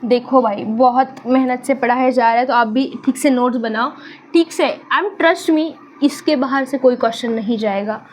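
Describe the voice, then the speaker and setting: A young woman with a high, light voice teaches biology in a chatty, mixed Hindi-English style. She poses questions and answers them herself, pokes fun at her own drawing, and a faint hum sits under the recording. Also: moderate pace, darkish tone, low-quality recording. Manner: self-mocking about her drawing. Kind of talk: casual online lesson.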